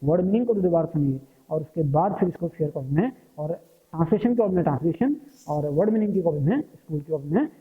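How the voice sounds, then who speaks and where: A man's voice: fairly high pitch, expressive, fast. A man teaching an English lesson to students, explaining word meanings and asking questions he answers himself, often checking in with "right?". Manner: repeats "ठीक है ना" and asks questions he answers himself. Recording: tinny, phone-like sound with long echo.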